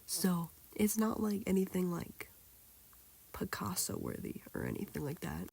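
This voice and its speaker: A sick teenage girl with a hoarse, childlike-sounding voice, rambling casually through a drawing tutorial with lots of fillers. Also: fairly low pitch, wildly swooping pitch, unhurried, darkish tone. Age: teens. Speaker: tutorial maker. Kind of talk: casual screen-recorded tutorial.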